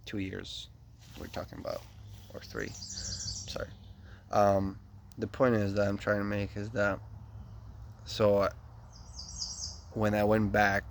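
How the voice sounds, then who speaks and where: A man's voice: fairly low pitch, gravelly, slight background noise. A man in his thirties, from Ukraine, telling a long personal story in a casual, rambling way with many fillers and restarts. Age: 30s.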